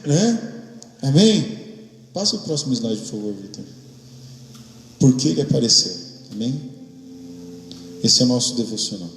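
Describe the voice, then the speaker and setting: A man with a Brazilian Portuguese accent preaching a casual, animated devotional sermon to his congregation, often asking "amém?". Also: medium pitch, normal speed, pauses often. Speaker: pastor. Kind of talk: devotional sermon with acted quotes. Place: church hall. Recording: echoey hall with long reverb.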